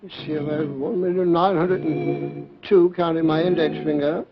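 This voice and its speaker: An actor playing a weary, muddled, slow-witted man counting votes in a 1950s children's television comedy, hesitant and rambling. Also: a little high, steady tone, close to an everyday voice. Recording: dull vintage TV recording with music.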